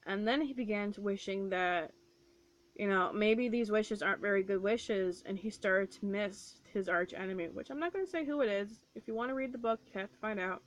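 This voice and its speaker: A woman's voice: medium pitch, a little fast. A woman casually reviewing books on her vlog at home, chatty and rambling with lots of fillers and restarts. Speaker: book vlogger. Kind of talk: casual book review chat.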